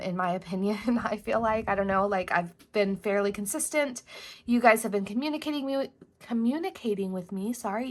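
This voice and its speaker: A woman's voice: on the high side, fairly bright tone. A young pregnant woman vlogging at her home desk, chatty and rambling, a little out of breath. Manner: chatty, rambling, self-correcting. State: heavily pregnant, a bit out of breath. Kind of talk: casual planner vlog.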